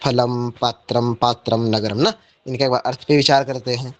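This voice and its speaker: A man teaching an online Sanskrit class, reciting word pairs slowly and carefully, then explaining each meaning. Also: mid-range voice, level tone.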